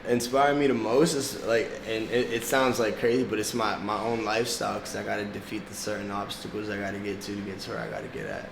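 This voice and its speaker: This young adult man is a music artist in a casual interview, speaking in a lowish, gravelly voice with a steady tone, fast and with few pauses. He grew up speaking Portuguese, is from South Florida in the United States, and comes across as relaxed and slangy, with frequent laughter. The room is echoey and has background noise.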